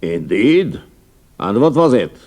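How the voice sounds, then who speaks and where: An actor playing a pompous German count and military commander in an audio drama, with a gravelly voice and formal, deliberate delivery. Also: male voice, lowish voice, sing-song, a little mellow, full character voice. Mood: curt, interested.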